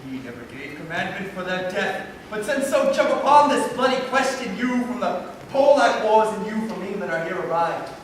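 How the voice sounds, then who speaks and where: A man plays a loyal, grieving friend in a Shakespearean stage tragedy. His high voice is solemn and emphatic, declaiming to the room. The sound is distant and heavily echoing, with faint noise. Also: big pitch swings, normal speed. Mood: solemn, resolute. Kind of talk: theatrical Shakespearean stage acting. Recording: echoey hall, distant mic, faint noise.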